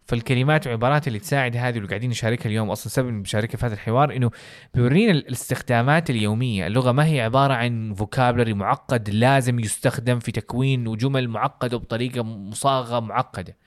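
Fast-talking man teaching English. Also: medium pitch, dry recording, studio quality. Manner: explains with many examples, acts out English phrases with exaggerated intonation. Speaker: podcast co-host teaching English. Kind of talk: casual explanatory lesson chat.

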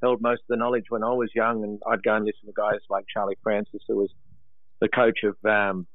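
A man's voice: on the low side, little pitch movement, fairly quick, no echo. An Australian man talking in a plain, colloquial, matey way as a guest in a casual interview over the phone. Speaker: guest, sprint coach. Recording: tinny phone line.

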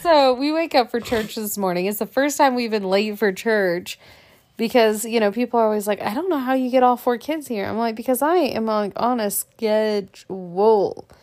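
A woman's voice: fairly high pitch, normal speed, a little mellow. A woman co-hosting a casual podcast chat with her husband, chatty, laughing often, full of fillers. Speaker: podcast co-host.

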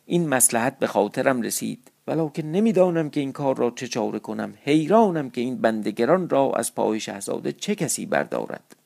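A man voicing a humble, timid male palace servant in a classical storybook tale, with a gravelly voice. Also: mid-range voice, big pitch swings, few pauses, a little mellow. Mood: fretful.

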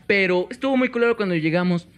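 A man's voice: high voice, quick pace. A young man with a Mexican Spanish accent, telling funny stories on a comedy podcast, swearing often and laughing a lot. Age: young adult. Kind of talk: casual banter.

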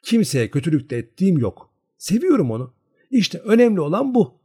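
Man doing young village girl, mischievous and coaxing, raised voice, husky edge. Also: high voice, very animated, a little fast, warm tone, pitched above the performer's own voice, heavily acted. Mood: teasing. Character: teasing, bold young peasant girl.

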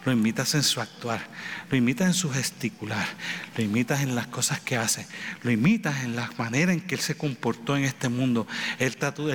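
A man preaching a sermon, with repeated phrases and rhetorical questions, swinging between raised and low delivery. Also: a bit bright. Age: adult with children. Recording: reverberant hall with faint background noise.

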